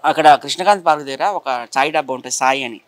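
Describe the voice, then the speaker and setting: A man's voice: medium pitch, quick pace, fairly bright tone, no room sound. A man from Visakhapatnam giving an indignant, insistent account in an interview. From Visakhapatnam, India. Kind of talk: heated complaint in an interview.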